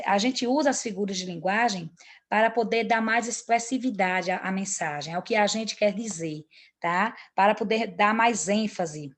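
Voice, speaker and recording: A woman teacher giving an online grammar lesson, with many fillers and restarts and a habit of checking in with her students. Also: mid-range voice.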